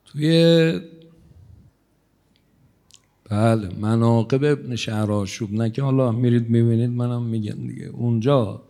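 Gravelly-voiced male cleric preaching. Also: medium pitch, long pauses. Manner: conversational, teasing the audience, shifting loudness. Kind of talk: religious sermon to a congregation.

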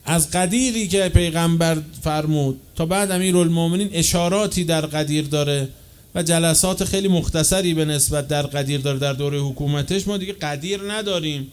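A man preaching a sermon with passion, swinging from loud, slow declaiming to quick, quieter asides. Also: fairly high pitch, clean tone. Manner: chants quoted chains of narrators slowly.

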